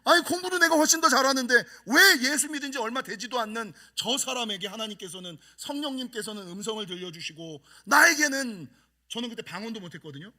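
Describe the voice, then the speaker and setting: A middle-aged man preaching a sermon from the pulpit of a church. His voice is bright and high, and he tells personal stories with self-mocking humor. The delivery stays lively and conversational throughout. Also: fast talker. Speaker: senior pastor.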